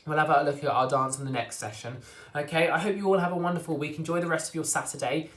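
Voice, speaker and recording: A man teaching an online drama class for children, encouraging and reassuring as he drills tongue twisters slowly. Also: a little high, fairly bright tone. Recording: echoey room.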